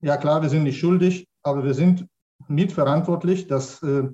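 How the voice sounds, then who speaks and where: A man's voice: fairly high pitch, moderate pace, dark tone, lo-fi sound. A middle-aged native Russian speaker, a man with a Russian accent, speaking spontaneously on a discussion panel and searching for words with repeated starts. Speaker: academic panelist.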